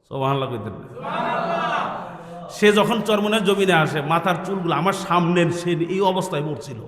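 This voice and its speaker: Fervent preacher in a reverberating loudspeaker sound. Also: male voice, on the high side. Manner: chanting slogans, urging the crowd to respond, storytelling with quoted voices. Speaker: Islamic preacher. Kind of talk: religious sermon at an open-air gathering. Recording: echoey, long-reverb open-air PA sound.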